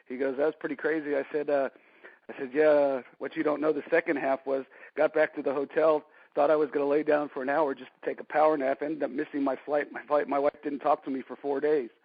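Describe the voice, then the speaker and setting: A man's voice: a little high, little pitch movement, brisk, husky, no room sound. A man in his forties, a guest telling stories in a casual interview and filling his talk with "you know". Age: 40s. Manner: rambling storyteller, many "you know" fillers. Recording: dry, dull lo-fi line.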